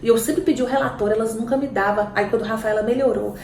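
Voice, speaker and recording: A Brazilian woman giving an emotional faith testimony as a podcast guest, telling her story in an animated way and breaking into laughter and tears. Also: a little high, fast talker, gravelly. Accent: Brazilian Portuguese. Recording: roomy echo, distant mic, faint noise.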